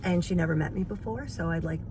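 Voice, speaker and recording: A woman's voice: lowish voice, fast talker, background noise. A woman chatting casually on a family vlog, talking openly and simply. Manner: open, plainspoken about her feelings. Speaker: cousin, vlog guest. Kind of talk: casual chat.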